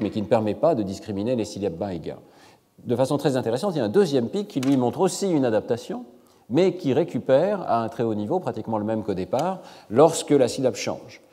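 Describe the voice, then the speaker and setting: A middle-aged man giving an academic lecture in a measured way, hesitating often with fillers. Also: lowish voice, dark tone, in a large hall. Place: large lecture hall.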